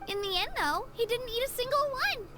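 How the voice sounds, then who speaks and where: A woman voicing a shy, earnest young woman in a video game, who speaks gently and a little unsure of herself. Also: extremely high pitch, lively intonation, fairly quick, faint music behind, heavily acted. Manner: gentle, a little self-doubting.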